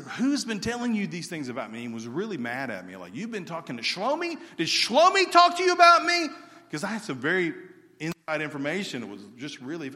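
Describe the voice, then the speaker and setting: A man's voice: mid-range voice, sharp tone. A man giving an earnest sermon, stretching out key words for emphasis. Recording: church hall with long reverb.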